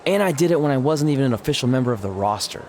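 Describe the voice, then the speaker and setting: An actor playing a goofy, paranoid young male wrestler in a video game, excitable and jokey, mangling his words. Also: medium pitch, racing, slight background noise, close to an everyday voice.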